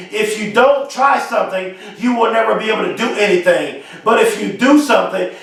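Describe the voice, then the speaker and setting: A man giving an emphatic motivational speech, slow and repetitive, full of affirmations. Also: high-pitched, a bit bright. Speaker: motivational speaker. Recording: very echoey, from far off the mic.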